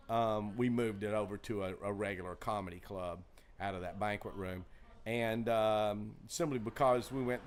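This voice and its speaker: Rambling man telling club stories. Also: on the low side. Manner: rambling, lots of fillers and restarts. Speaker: comedy club owner, co-host. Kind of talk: casual storytelling chat. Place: comedy club green room.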